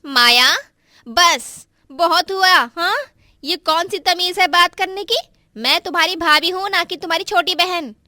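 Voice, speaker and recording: A woman voicing a quarrelsome young daughter-in-law in a cartoon story, who speaks in a sharp, taunting way. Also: extremely high pitch, moderate pace, dry recording, clean studio sound.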